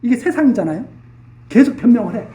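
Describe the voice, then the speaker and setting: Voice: medium pitch, animated, fast, mellow, distant mic. A preacher giving an expository Bible sermon, explaining each verse in plain, casual speech and often repeating phrases.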